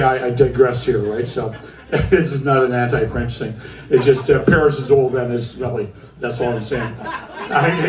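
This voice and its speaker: A man performing live in a music club, telling a long, profane story between songs, full of asides and "right?" tags. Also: mid-range voice. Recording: roomy live club audio, from far off.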